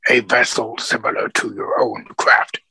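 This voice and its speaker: A man voicing a cold, menacing alien overlord who speaks in a harsh, rasping whisper. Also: mid-range voice, little pitch movement, a little slow, bright, forceful tone, no room sound, full character voice.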